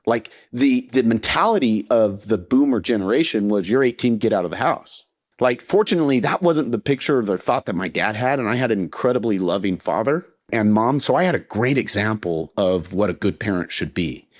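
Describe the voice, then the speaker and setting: A man's voice: lowish voice, animated, brisk, hardly any pauses. Earnest man in his fifties. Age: 50s. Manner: earnest and heartfelt, repeats words as he restarts. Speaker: podcast guest. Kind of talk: casual interview talk.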